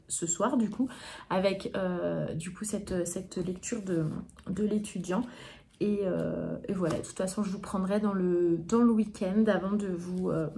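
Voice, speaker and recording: A young woman from France talks casually to camera about her books. Her voice is mellow and low in brightness, and she sounds tired and yawning. Her speech meanders, full of hesitations and restarts. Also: a little hiss or hum. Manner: chatty, with frequent hesitations and restarts. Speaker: book vlogger. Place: home, indoors in the evening.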